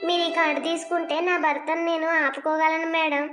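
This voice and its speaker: A woman's voice: extremely high pitch, flat delivery, brisk, fairly bright tone, soft background music. A woman voicing Lakshmi, a young village wife in a cartoon family drama, pleading and anxious as she begs for help. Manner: imploring, tearful pleading.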